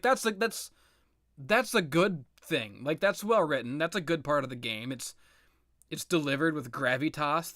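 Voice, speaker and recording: A man delivers casual, unscripted opinions on video games as a commentator and host, ranting bluntly, sardonically, and profanely. His voice is a little high and a bit bright, recorded in studio quality with no room sound.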